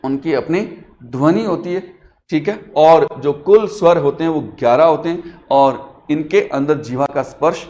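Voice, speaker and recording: A man's voice: on the high side, a little mellow. A male teacher giving a classroom grammar lesson, patiently explaining and asking students questions that he then answers himself.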